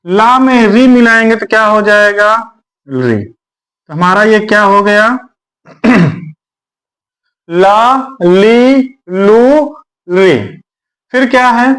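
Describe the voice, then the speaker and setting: A male teacher runs an exam-prep grammar lesson, drilling syllables aloud repeatedly and clearing his throat often. His voice is high-pitched with a fairly bright tone.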